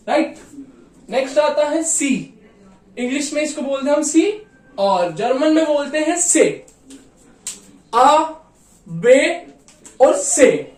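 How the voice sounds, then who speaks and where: A man teaching a beginners' lesson, patiently repeating each sound slowly. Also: very high voice, a little mellow. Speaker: language teacher. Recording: echoey room, mic far off.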